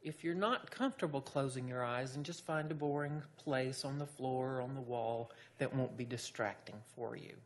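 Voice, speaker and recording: A woman leading a guided meditation as a teacher, giving instructions in measured phrases with pauses between them. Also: very deep voice, a little hiss or hum.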